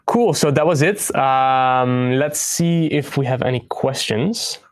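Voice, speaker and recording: A man's voice: medium pitch, takes it slowly, dry recording. Hesitant young man presenting updates, dry. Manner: hesitant, frequent ums and restarts. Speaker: host of a partner news livestream. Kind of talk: presenting product updates to camera.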